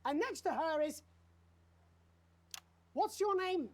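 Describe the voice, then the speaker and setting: An actor playing a bitter, unhinged TV news anchor in a video game, with a British accent and a commanding, theatrical, sardonic manner. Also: male voice, very high-pitched, expressive, slow, heavily acted. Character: unhinged, bitter male TV news anchor holding studio hostage. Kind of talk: dramatic live-broadcast acting.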